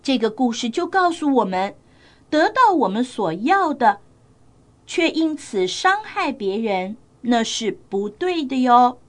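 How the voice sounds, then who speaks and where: A woman telling a story to children in a gentle, coaxing manner, speaking directly to her young listeners. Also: a little high, very animated, measured pace.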